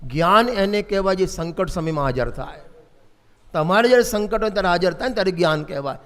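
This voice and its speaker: A man's voice: high voice, lively intonation, quick pace, fairly bright tone. An older man with a Gujarati accent giving a devotional sermon, telling a story and addressing listeners by name. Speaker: Jain preacher. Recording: long hall reverb.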